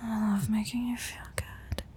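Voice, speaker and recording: A woman performing a whispered role-play as an affectionate lover, with a sultry, breathy, intimate murmur close to the microphone. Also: mid-range voice, little pitch movement, measured pace.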